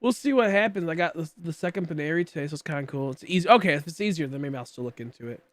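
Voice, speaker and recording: Racing along with lively intonation, this man in his late twenties has a fairly high-pitched voice, captured in a dry recording. He chats casually while streaming a game, rambling and teasing himself as he addresses viewers and a friend.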